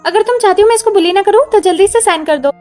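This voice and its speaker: A woman's voice: extremely high pitch, rapid-fire, dark tone, soft background music. A woman voicing a smug, threatening male villain in a drama recap, speaking menacingly.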